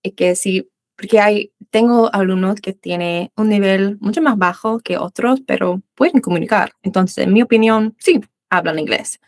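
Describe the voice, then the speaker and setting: A young Australian woman with a mid-range voice talks at normal speed, no echo. As a guest in a casual interview, this English teacher and native English speaker answers in learner Spanish, with Uruguayan voseo, frequent restarts and fillers.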